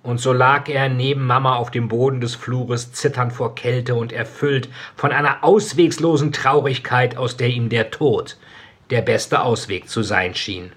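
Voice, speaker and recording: A man with a slightly husky, breathy tone reads from a novel he wrote himself. His delivery is slow and measured, with pauses that let each phrase land. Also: medium pitch, steady tone, a bit bright. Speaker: author. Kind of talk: reading his own novel aloud, then commenting.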